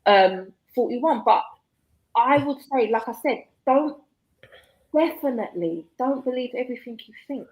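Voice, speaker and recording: A woman in her 40s chats casually as a guest author in a live conversation, reflective and laughing often. Her voice is on the high side, animated, a little slow and a little mellow. The recording is rough.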